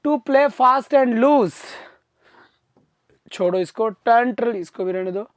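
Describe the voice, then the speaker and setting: A man teaching an exam-prep vocabulary class live online, coaxing his students to answer quickly and replying to their comments. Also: extremely high pitch, expressive, clear, resonant tone, no echo, clean studio sound. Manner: reads out viewer comments and answers them.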